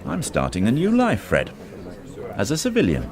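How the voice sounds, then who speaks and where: An actor playing a weary, principled police inspector in a radio drama, measured, formal and self-reproachful. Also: male voice, lowish voice, wildly swooping pitch, crowd noise. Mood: resigned, wry.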